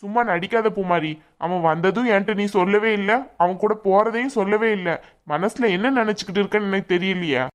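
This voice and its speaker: A woman's voice: medium pitch, fairly quick, close to an everyday voice. A woman voicing an angry, suspicious young husband in a cartoon, speaking curtly in a Tirunelveli Tamil accent. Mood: accusing. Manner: accusing, curt. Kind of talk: cartoon voice acting.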